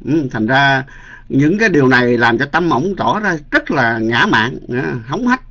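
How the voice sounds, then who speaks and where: Male Buddhist monk, mid-pitched, rambling dharma-talk storyteller; lo-fi recording. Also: expressive, moderate pace, fairly bright tone. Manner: chatty storytelling with many fillers and repeated words. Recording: dull lo-fi recording.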